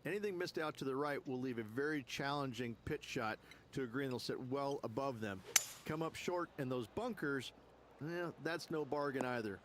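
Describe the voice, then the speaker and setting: A man giving measured, explanatory colour commentary in a golf video game. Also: mid-range voice, fairly bright tone, a little hiss or hum, natural voice. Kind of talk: sports commentary.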